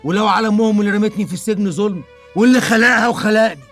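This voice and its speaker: A man's voice: deep voice, lively intonation, very fast, breathy edge, faint music behind, full character voice. An actor with an Egyptian accent playing a wronged man just out of prison who vows to take back his inheritance. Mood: defiant. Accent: Egyptian Arabic. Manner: defiant, shouting.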